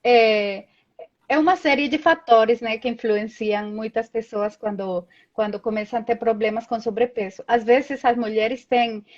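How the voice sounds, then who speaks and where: This guest, a Colombian woman in her thirties whose first language is Spanish, talks at a measured pace with fairly even intonation in a voice on the high side. The casual live video call has lo-fi sound, and she's chatty, telling stories full of tag questions.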